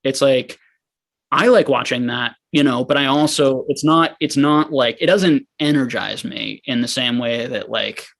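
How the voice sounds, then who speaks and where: Stream guest: a man of middle pitch, thoughtful and halting, restarting his sentences. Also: creaky, a bit bright. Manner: reflective, hesitant, searching for words. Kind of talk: casual live stream chat.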